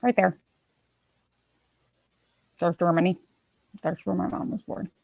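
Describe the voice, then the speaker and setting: Creaky-voiced woman hosting a casual stream. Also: lowish voice, slow pace, dry recording, phone-quality sound. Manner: chatty, chuckling, trailing off mid-sentence. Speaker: livestream host. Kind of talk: casual livestream chat.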